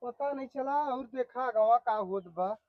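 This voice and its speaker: Bossy younger village in-law, comedy: actress with high voice, reproachful, eastern UP Awadhi accent, dull dry recording. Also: female voice, measured pace, dry recording, natural voice. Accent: eastern Uttar Pradesh, Awadhi-Bhojpuri. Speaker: actor in a village comedy sketch. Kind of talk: rural comedy sketch acting. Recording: dull lo-fi video sound.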